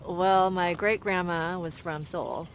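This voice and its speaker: An actress in a comedy sketch with a dry, pointed comic delivery. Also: female voice, on the low side, steady tone, slow pace, a little hiss or hum.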